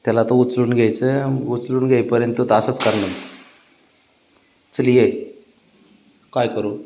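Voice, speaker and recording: A man's voice: mid-range voice, level tone, unhurried, darkish tone, slight background noise. A man at home talking affectionately to his pet cat, coaxing and teasing it. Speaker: pet owner vlogger.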